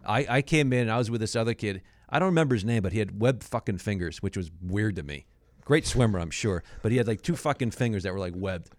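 A man's voice: lowish voice, lively intonation, fast talker, no room sound, studio quality. A man who used to play pro football, telling long, profane stories in casual chat. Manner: profane, rambling anecdotes. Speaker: former pro football player. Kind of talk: casual podcast storytelling.

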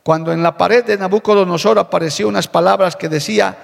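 A man preaches a fervent church sermon in a high, gravelly voice. He stretches key words slowly, then hurries through phrases. His voice rings with the long reverb of a large church hall. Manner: fervent preaching, repeats "hermano" and "alabado el nombre de Jesús". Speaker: pastor. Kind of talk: sermon with opening prayer.

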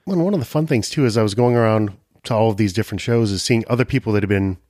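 A fairly low-voiced man speaks quickly as co-host and chimes in eagerly during the chat. The sound is dry, with no room sound. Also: a little mellow, no echo. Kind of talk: casual chat.

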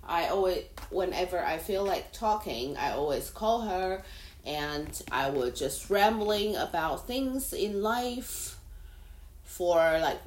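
Speaking slowly with a lowish voice, a Taiwanese podcast host, a native Mandarin speaker, chats through a solo monologue. She rambles, her second-language phrasing halting, and the room around her echoes noticeably.

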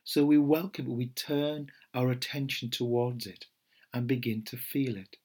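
A middle-aged man speaking in a gentle, unhurried way, like a meditation teacher talking to podcast listeners. His voice is a little husky and sits at an ordinary pitch. He pauses now and then with soft fillers and small restarts. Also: steady tone. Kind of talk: podcast talk before a guided meditation.

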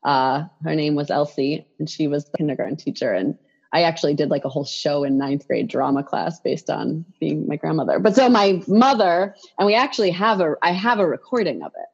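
A woman's voice: low-pitched, fairly quick, vocal fry, slightly rough, highs cut off. A woman who writes children's picture books, chatting in an interview with lots of fillers and restarts. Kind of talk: casual interview conversation.

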